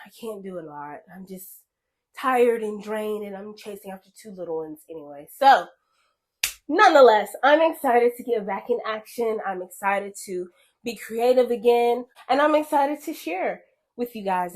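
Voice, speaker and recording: A woman chatting casually as a sewing vlogger, upbeat and friendly with her viewers, a bit out of breath and congested. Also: on the high side. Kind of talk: casual chat to camera.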